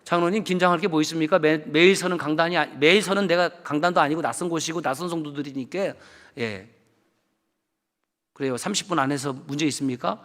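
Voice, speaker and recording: A male pastor with a notably high voice tells stories from the pulpit and acts out each conversation, swinging from loud emphatic bursts to low muttered asides. His words ring out with the long reverb of a church sanctuary. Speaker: guest pastor. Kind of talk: storytelling sermon with testimony.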